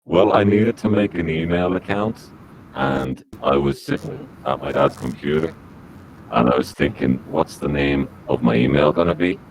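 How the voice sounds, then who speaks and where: A man speaking through a disguised deep voice as a podcast guest, giving rambling, halting answers. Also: slight background noise, rough recording. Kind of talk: comic podcast interview.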